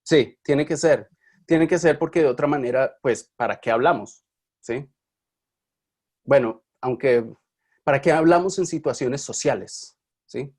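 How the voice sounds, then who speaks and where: A man with a medium-pitched, slightly mellow voice speaks at a measured pace with long pauses. He is a university Spanish linguistics teacher giving an online class, lecturing casually in a chatty way and often checking in with his students through questions.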